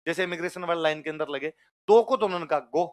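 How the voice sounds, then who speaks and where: High-voiced Rajasthani male teacher. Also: racing. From Jodhpur, Rajasthan. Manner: animated storyteller acting out quoted voices. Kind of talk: storytelling anecdote in a lecture.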